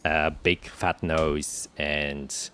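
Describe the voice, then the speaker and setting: A man narrating as game master of a tabletop game, describing scenes with many pauses and fillers. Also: rumbling low, level tone, pushed and bright, slight background noise. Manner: hesitant, filler-heavy describing.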